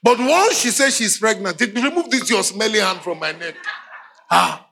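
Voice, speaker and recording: A man's voice: sits high, animated, moderate pace, vocal fry, sharp tone. A middle-aged Nigerian man preaching a humorous sermon, laughing often and acting out voices in his stories. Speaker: pastor.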